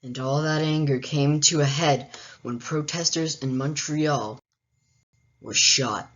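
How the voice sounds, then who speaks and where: Casual history video host, mid-pitched voice, dry little joking asides, kinda muffled lo-fi mic. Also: fairly even intonation, takes it slowly. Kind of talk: casual narrated history explainer. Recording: dull, muffled lo-fi recording.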